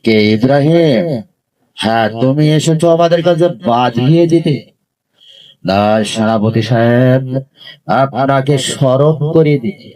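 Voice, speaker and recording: A male stage actor playing a vengeful palace courtier in a Bengali folk melodrama, declaiming in a hammy, theatrical, drawn-out way. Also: mid-range voice, mellow, lightly acted, rough recording. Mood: accusing, indignant.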